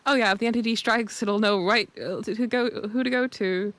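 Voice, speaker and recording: A woman's voice: on the high side, a little fast, fairly bright tone, dry recording. A woman chatting in character on a roleplay server, giggling often and stumbling over her restarts. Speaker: roleplay server player and channel host.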